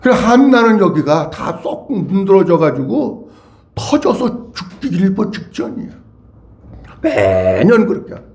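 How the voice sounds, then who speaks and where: A man's voice: high-pitched, sing-song, unhurried, creaky, a little mellow. A male pastor preaching a sermon to his congregation, emphatic and repeating key words, with many questions to his listeners. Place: church sanctuary. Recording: echoey church hall.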